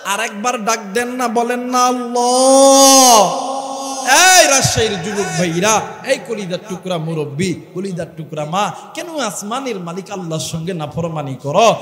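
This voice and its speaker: A man giving an impassioned sermon. He shouts at his peaks, chants verses in a sung tone, and calls on the crowd to answer him aloud. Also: sits high, lively intonation, normal speed. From Bangladesh. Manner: fiery preaching with shouted peaks and chanted recitation; call-and-response, urging the crowd to answer aloud. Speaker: Islamic preacher. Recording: echoey PA sound with long reverb.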